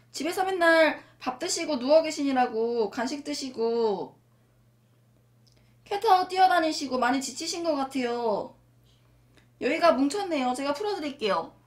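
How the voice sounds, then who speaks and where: A young woman chatting playfully to her cats, cooing and putting on mock-polite masseuse talk. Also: high-pitched. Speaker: pet vlogger.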